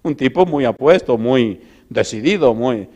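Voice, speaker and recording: A middle-aged man preaching, telling a story with laughter and big swings from loud to hushed. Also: medium pitch, lively intonation, measured pace, muffled recording. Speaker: pastor. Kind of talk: storytelling sermon.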